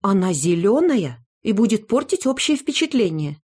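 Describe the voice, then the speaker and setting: A woman's voice: mid-range voice, big pitch swings, moderate pace, darkish tone, breathy edge, pitched above the performer's own voice. A woman voicing a persistent young mother in an audiobook, questioning someone in an insistent way. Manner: insistent, interrogating.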